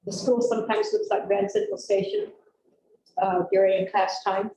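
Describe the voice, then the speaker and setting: A woman's voice: medium pitch, steady tone, moderate pace, mellow, slight background noise. A woman on a school board speaking frankly at a public meeting, with frequent restarts. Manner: frank, rambling, many restarts. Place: meeting room. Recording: echoey room mic from a distance.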